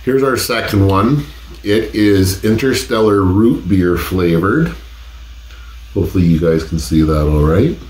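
Recorded on a desk condenser mic in his home office, a man in his forties presents a relaxed taste-test vlog, swearing freely while congested from a cold. His low voice is expressive, unhurried and somewhat mellow, and the recording is roomy and rough.

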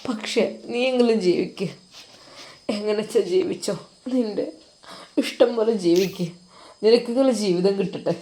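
A woman with a Malabar Malayalam accent voicing a grieving young husband who speaks softly and tearfully. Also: normal speed, pauses often, close to an everyday voice. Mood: resigned. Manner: soft, tearful, low murmuring. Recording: roomy echo.

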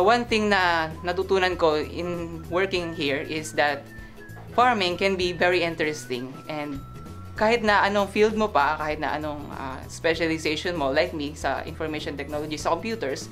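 A woman's voice: sits low, a bit bright, faint music behind. A young woman in her twenties with a Filipino accent explaining a farming app in Tagalog and English. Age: 20s. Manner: mixes Tagalog and English, measured.

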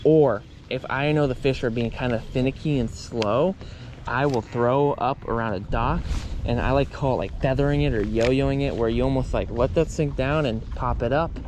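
A man on a boat explaining fishing lures in a relaxed, casual way, often saying "man", recorded on a body-worn action camera outdoors. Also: medium pitch, normal speed. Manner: laid-back, says "man" often. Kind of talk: casual outdoor how-to talk. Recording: outdoor camera audio with steady noise.

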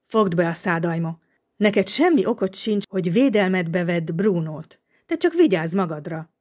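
A woman voicing a stiff, sharp, domineering elderly spinster aunt in an audiobook. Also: on the low side, lively intonation.

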